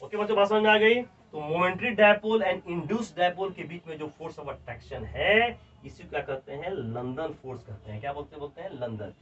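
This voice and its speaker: A man's voice: a little high, moderate pace, hardly any pauses, husky. A male chemistry teacher with a Bihari accent lecturing a class, repeating each point and dictating notes word by word. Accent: Bihari Hindi. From India. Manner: repeats points and keeps calling the students children; emphatic, animated explaining, dictating notes word by word. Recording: distant, dull lo-fi classroom audio.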